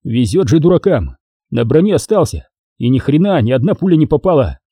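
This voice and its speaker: Give me a man reading a blunt, slangy army story in a lively, mellow voice. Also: on the high side, fairly quick, husky, no room sound. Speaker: narrator. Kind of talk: first-person audiobook narration of soldier prose.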